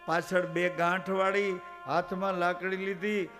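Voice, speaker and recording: A high-pitched man delivers a devotional sermon, telling a story and acting out the characters' calls. The live program recording has faint music behind him. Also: level tone, a little slow. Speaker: preacher.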